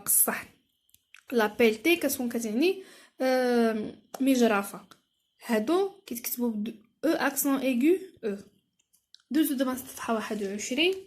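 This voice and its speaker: A woman with a Moroccan accent, explaining a French lesson and reading sentences slowly and carefully, as in a dictation. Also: a little high. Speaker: teacher.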